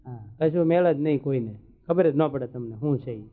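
Folksy preacher over a tinny line. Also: male voice, medium pitch, normal speed. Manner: humorous, chatty, rustic storytelling. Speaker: religious storyteller. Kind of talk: folksy devotional sermon. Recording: tinny phone-like sound with faint music.

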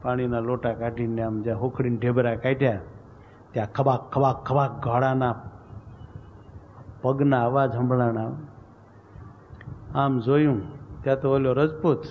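A man tells a devotional story at a mid pitch. His narration is vivid and dramatic, and faint noise hangs in the background. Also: level tone, measured pace, long pauses, lo-fi sound. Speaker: religious storyteller.

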